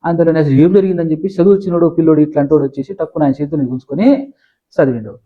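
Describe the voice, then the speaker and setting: A man's voice: a little high, fairly even intonation, racing. A man preaching a sermon as pastor, explaining scripture in plain everyday speech and homely stories. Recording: dull lo-fi sound.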